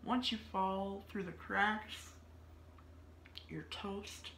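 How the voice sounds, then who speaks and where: A woman's voice: medium pitch, steady tone, very slow, fairly bright tone, a little hiss or hum. A woman in her thirties telling a story in a casual, rambling way, with many filler words and frequent laughter. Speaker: vlogger. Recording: roomy echo.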